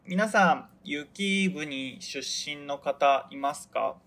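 Young man from Hokkaido, casual solo podcast host, slightly high voice, meandering self-mocking chatter. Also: extremely slow, fairly bright tone. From Hokkaido, Japan. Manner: rambling, chatty, loses his thread and laughs at himself. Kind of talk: casual solo radio chat.

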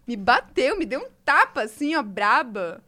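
Lively high-voiced woman telling stories. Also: normal speed. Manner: animated storyteller, acts out her daughter's voice. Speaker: podcast guest. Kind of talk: casual chat.

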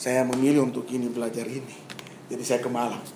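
A man from Papua telling a personal testimony story to an audience, dramatic, acting out scenes and swinging between loud bursts and hushed asides. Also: medium pitch, level tone, fast talker, roomy sound, a little hiss or hum. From Papua, Indonesia. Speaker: speaker giving a personal testimony.

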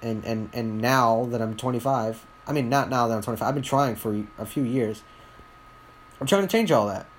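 A young man talks through a solo podcast monologue. His delivery is candid and rambling, full of halting restarts. His pitch sits in the ordinary middle range for a man. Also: a little hiss or hum. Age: 20s. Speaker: podcast host.

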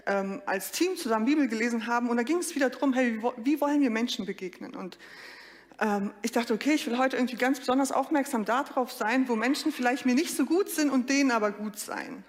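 A woman preacher giving a sermon, telling a lively story and addressing the congregation directly. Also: fairly high pitch, fast, big-room sound.

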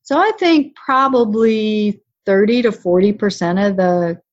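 A middle-aged woman, guest and parent co-founder of a charity, chats in a casual interview and explains things through examples. Her medium-pitched voice is a little slow, captured on a slightly dull lo-fi recording.

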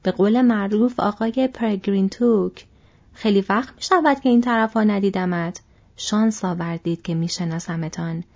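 A woman voicing a stout, red-faced male hobbit farmer who is gruff but hospitable and talks loudly and heartily. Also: medium pitch, muffled recording. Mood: gruff hearty. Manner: loud, hearty, talkative.

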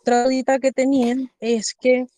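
A woman, calling in to ask questions in a measured, hesitant way. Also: sits high, level tone, warm tone, no echo, faint music behind. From Venezuela. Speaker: caller. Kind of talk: asking questions on a call-in.

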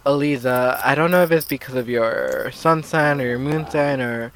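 A man's voice: medium pitch, very animated, moderate pace, a little hiss or hum. A man with a lisp that makes his s sounds slushy, chatting candidly and casually as a podcast host.

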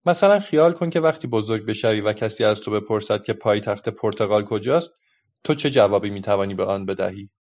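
A man's voice: lowish voice, a little mellow, natural voice. A man voicing a patient, patronizing adult policeman who lectures a child, in a dull lo-fi recording. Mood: lecturing.

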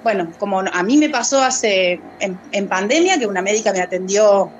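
A woman's voice: mid-range voice, expressive, normal speed, lo-fi sound, slight background noise. A woman guest speaking as a fat activist, telling a personal story in a hesitant way, with many fillers and laughs between phrases. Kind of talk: conversational storytelling.

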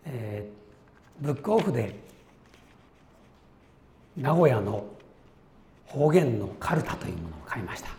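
A male pastor giving a sermon in a relaxed, chatty way, mixing folksy asides into his teaching. His voice is gravelly with a middle pitch. The room is echoey, with a faint hum of ambience behind him. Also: measured pace, pauses often.

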